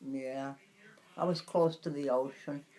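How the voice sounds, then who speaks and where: A woman in her nineties with a low voice looks back on her past in an interview. She speaks very slowly and haltingly, often repeating a phrase while she searches for the next word. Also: steady tone, warm tone. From Brooklyn, New York. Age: 90s. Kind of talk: reminiscing in a casual interview.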